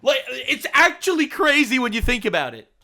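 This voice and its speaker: A man reacting casually alongside a commentary, with quick interjections that swing from loud outbursts to low muttering. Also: big pitch swings, creaky. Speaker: co-host reacting. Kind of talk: casual live reaction chat.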